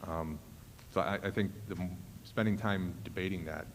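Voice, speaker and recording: Male school official, deep, halting and explanatory, echoey meeting hall. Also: steady tone. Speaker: school official advising the board. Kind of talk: meeting discussion. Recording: echoey hall with faint noise.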